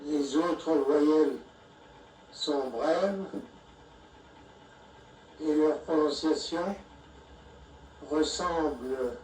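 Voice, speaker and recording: A man narrates a language lesson at an extremely slow, deliberate pace, with a somewhat high voice. He sounds distant from the microphone in an echoey room, with faint background noise underneath. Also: darkish tone. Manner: measured, deliberate, reads out punctuation. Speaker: language lecturer.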